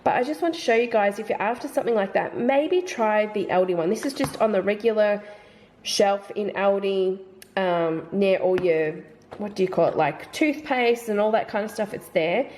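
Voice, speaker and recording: A thirtysomething Australian mum vlogger goes casually through a product haul at home, pondering prices aloud, her voice a touch nasal from hay fever. She speaks at a moderate pace in a mid-range, a little mellow voice, with slight background noise.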